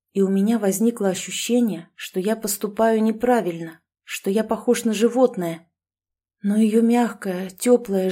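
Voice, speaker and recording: Woman, storybook narration, mellow, measured, even. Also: mid-range voice. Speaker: audiobook narrator.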